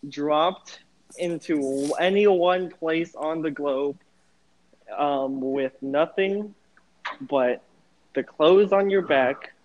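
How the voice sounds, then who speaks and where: A man's voice: a little high, takes it slowly, rough recording. A young man hosting a casual podcast chat, easygoing and asking the questions, often laughing.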